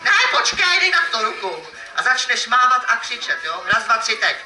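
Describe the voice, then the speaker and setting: Performing as a children's magician at a live event, a man with an extremely high, expressive voice playfully teases the kids and calls out to the crowd. The event hall recording is echoey and noisy, picked up by a distant mic.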